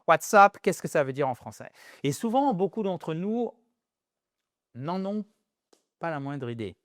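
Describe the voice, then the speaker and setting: Animated male English teacher, dry sound. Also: fairly high pitch, dry recording. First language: French. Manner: animated, addresses viewers as dear friends, models English phrases slowly. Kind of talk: video lesson for French speakers.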